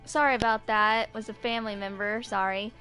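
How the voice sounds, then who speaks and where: Music plays in the background as a woman in her twenties reads and chats casually for a fan video she records at home. Her medium-pitched voice is steady and brisk, and there's a little background noise.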